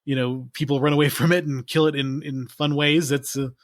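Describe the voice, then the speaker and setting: A man in his forties chatting loosely on a podcast mic. He rambles, restarts sentences and laughs a lot. His voice is mid-pitched and recorded dry. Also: little pitch movement, a little fast, no echo. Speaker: podcast co-host. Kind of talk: casual chat.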